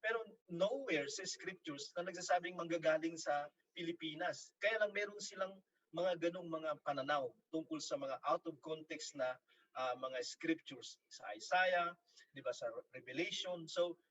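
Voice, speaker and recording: A man's voice: fairly high pitch, fairly bright tone. A man with a Filipino accent teaching a Bible sermon, often adding "di ba?" and switching into English. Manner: mixes English phrases, frequent "di ba?" asides. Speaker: preacher. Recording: distant mic, muffled lo-fi sound.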